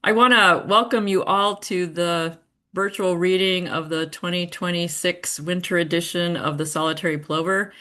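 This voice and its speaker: A woman's voice: fairly low pitch, steady tone, moderate pace, bright, forceful tone. A woman hosting a virtual poetry reading from home over a video call, giving polite, orderly instructions with frequent ums. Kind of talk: organized welcome and event instructions. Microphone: computer mic on a video call.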